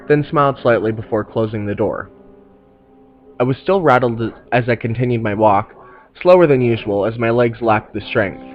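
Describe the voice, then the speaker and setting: A man narrates a horror story in a measured, steady way. His voice sits in an ordinary middle pitch. The recording is dull, with faint music playing behind.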